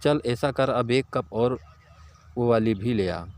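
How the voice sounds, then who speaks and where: A man's voice: medium pitch, slow pace, darkish tone. Man playing a fat lazy glutton, bossy, grumbling, scolding, storybook voice.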